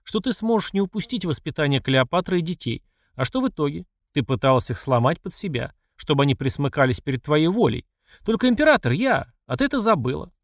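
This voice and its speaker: A man's voice: on the high side, very animated, fast, no echo, studio quality, pitched above the performer's own voice. A man voicing a furious middle-aged emperor who scolds and accuses his mother. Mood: angry. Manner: angry and accusing.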